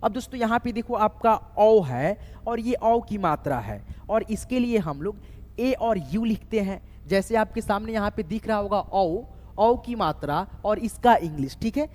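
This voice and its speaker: A man teaching a spelling lesson, slowly spelling words letter by letter and often checking that viewers follow. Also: high-pitched, darkish tone. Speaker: online English tutor. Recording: echoey room with long reverb.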